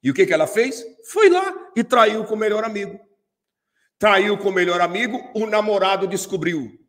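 A man's voice: sits high, lively intonation, normal speed, fairly bright tone. A middle-aged man with a Brazilian accent, preaching a sermon and telling a story with emphatic repetition. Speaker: pastor.

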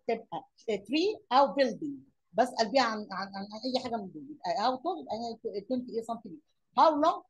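Fast-talking Egyptian woman teacher. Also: on the high side, darkish tone, slightly rough, rough recording. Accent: Egyptian Arabic. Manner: explains English words in Arabic, asks and answers her own questions. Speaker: English teacher. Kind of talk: classroom lesson explanation.

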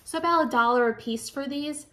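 In a furnished room at home, a woman in her forties shows off her flea market finds as a reseller in a casual, chatty haul vlog. Her voice sits high and has a fairly bright tone, and she talks fairly quickly and a little out of breath. She rambles, corrects herself, and speaks directly to viewers.

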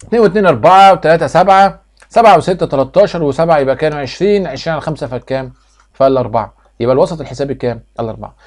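A man with an Egyptian accent runs through a math review at a very fast pace. His voice sits somewhat high for a man. He quizzes the class, answers his own questions, and drills each step over and over. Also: a little mellow. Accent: Egyptian Arabic. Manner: repeats steps like a drill. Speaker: math teacher.

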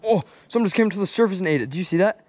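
A young man chatting excitedly while fishing on a rocky riverbank, talking to each fish as he unhooks it, recorded on a head-mounted camera outdoors. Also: sits high, racing. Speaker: fishing vlogger. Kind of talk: casual fishing vlog commentary. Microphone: head-mounted action camera.

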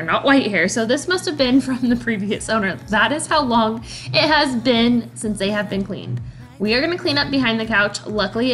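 A woman's voice: a little high, fairly bright tone. A woman in her thirties narrating a cleaning vlog in a chatty, enthusiastic voice-over, laughing now and then. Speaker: cleaning vlogger. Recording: faint background music.

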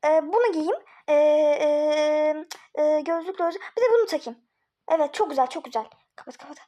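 A woman's voice: sits high, moderate pace, warm tone, close to an everyday voice. Woman playing frantic, flustered older sister. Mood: panicked. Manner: frantic, talks to herself, repeats words. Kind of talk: homemade mini-series role-play.

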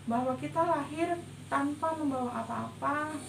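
A middle-aged woman, a religious teacher, giving a short, gentle and measured talk on faith, recorded indoors. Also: high-pitched, creaky. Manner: gentle, reflective, measured delivery. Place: indoor room before a patterned cloth backdrop. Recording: roomy echo with faint hum.

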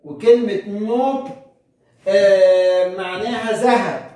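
A monk priest with an Egyptian accent teaching a beginner language lesson. He asks his class questions, answers them himself, and spells words out slowly, syllable by syllable. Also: high-pitched, animated. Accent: Egyptian Arabic. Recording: very echoey room, far from the mic.

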